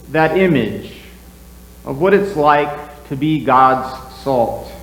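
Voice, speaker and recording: A male pastor preaching a sermon into a pulpit microphone, speaking slowly with a lively, rising and falling delivery. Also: on the high side. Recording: echoey church hall, faint hum.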